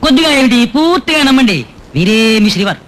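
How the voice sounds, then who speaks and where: A sly, cheeky conman in a comedy film, full of mocking quips. He talks fast with a lively, bouncing pitch. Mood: scheming. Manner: wisecracking, sly teasing. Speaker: trickster posing as spirit expert. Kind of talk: comic film scene acting.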